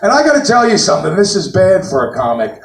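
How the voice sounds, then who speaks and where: Brash new york guy doing standup, high lively voice, gravelly edge, roomy bar echo. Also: fast. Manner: brash, blunt, punchy delivery with sudden loud punchlines. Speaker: stand-up comic. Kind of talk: stand-up comedy set. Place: brewery stage, live room. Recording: roomy live venue, mic at a distance.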